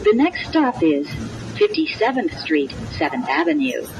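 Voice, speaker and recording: A woman reading scripted, automated subway announcements over a train intercom, clearly enunciated in separate formulaic segments. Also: a little high, big pitch swings, measured pace. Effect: played over a train intercom. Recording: dull train PA with background noise.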